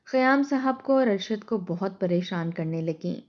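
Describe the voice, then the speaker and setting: A woman's voice: mid-range voice, lively intonation, highs cut off. A woman storyteller steadily reading a scripted, emotional family tale.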